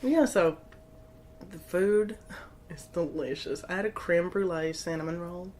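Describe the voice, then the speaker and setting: A woman's voice: on the low side, unhurried, darkish tone, slight background noise. A woman co-hosting a podcast, chatting casually with crude jokes and frequent laughter. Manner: giggly, joking, crude banter. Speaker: podcast co-host. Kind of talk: casual chat.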